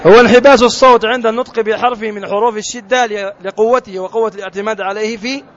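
A man's voice: sits high, steady tone, fast, fairly bright tone, dull audio, a little hiss or hum. A man teaching a Quran recitation lesson, quizzing his students and repeating letter sounds for them to copy.

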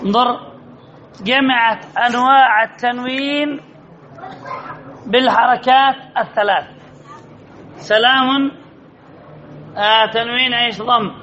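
A male teacher leads a class, asking students questions, repeating their answers and reading examples slowly and deliberately. His voice is extremely high, pushed and bright, with fairly even intonation. The dull lo-fi recording carries slight background noise.

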